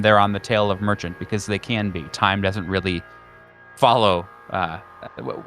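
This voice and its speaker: A man acts as game master for an improvised tabletop horror game, describing scenes in a halting, conversational way. His voice is lowish and a bit bright.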